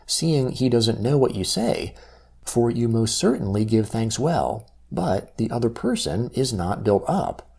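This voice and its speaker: A man reading scripture aloud from a text in a solemn, measured recitation. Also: fairly low pitch, vocal fry, darkish tone, breathy edge. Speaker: scripture reader.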